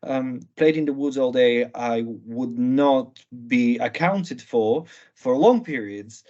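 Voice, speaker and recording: A man in his late twenties from Bulgaria, interviewing an author in a relaxed, halting way with many fillers. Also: mid-range voice, dull audio. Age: late 20s. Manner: hesitant, many fillers and restarts. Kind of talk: conversational interview.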